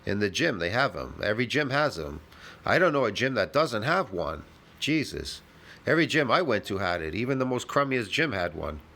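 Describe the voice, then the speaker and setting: A man's voice: lowish voice, sing-song, normal speed, bright, forceful tone. A man giving blunt, casual commentary as he reacts to a clip, brash and argumentative, swearing freely.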